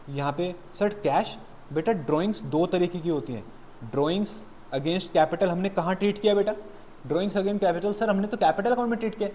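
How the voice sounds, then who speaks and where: A man's voice: on the high side, darkish tone, a little hiss or hum. A man teaching an accountancy lesson, calling his students "beta" and mixing explanation with blunt motivational scolding. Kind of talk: classroom lecture.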